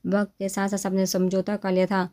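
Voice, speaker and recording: A woman's voice: medium pitch, completely flat delivery, dark tone. A woman narrating a romance novel aloud, lifting her voice for the characters' dialogue. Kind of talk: scripted novel reading.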